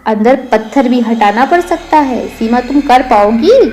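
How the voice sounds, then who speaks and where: A woman's voice: a little high, expressive, measured pace, a little mellow, slight background noise. A woman voicing a timid young boy companion who talks in a nervous, teasing way in a storybook tale. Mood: chatty.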